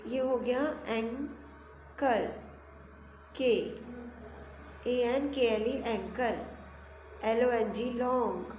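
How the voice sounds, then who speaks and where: A woman teacher giving a grammar lesson, spelling words out letter by letter and reading rules slowly before quick explanations. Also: fairly high pitch, a little mellow. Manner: mixes slow English rule reading with quick explanations. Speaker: school teacher. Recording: echoey room, faint background hum.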